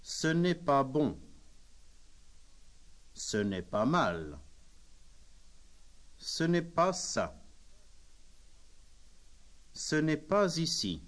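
A man reading French phrases as a language lesson drill, saying each phrase slowly and plainly. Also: on the high side, big pitch swings, a bit bright. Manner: says each phrase slowly and plainly, with pauses for the listener to repeat. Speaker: language course speaker. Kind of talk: slow, deliberate phrase drill.

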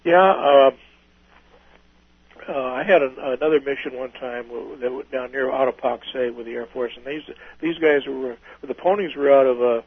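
A man's voice: medium pitch, moderate pace, slightly rough, no room sound, phone-quality sound. An older man, a retired pilot, telling folksy, rambling stories in an oral history interview, restarting his sentences often.

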